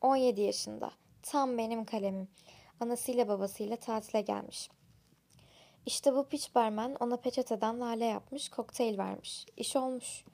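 A woman's voice: a little high, steady tone, moderate pace, gravelly, warm tone. A woman reading a first-person story aloud, in blunt, slang-laden narration.

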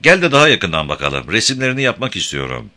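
A spirited, tender young pioneer woman speaks in a lightly raised, feminine lilt, voiced by a male narrator. She sits in a storybook read aloud, her tone bright and sharp. Her delivery swings widely in pitch. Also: wildly swooping pitch, fast, exaggerated voice. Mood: eager.

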